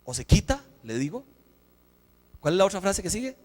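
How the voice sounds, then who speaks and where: Pastor guy, high voice, animated sermon story, big church reverb. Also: moderate pace. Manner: animated, acts out dialogue. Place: church sanctuary.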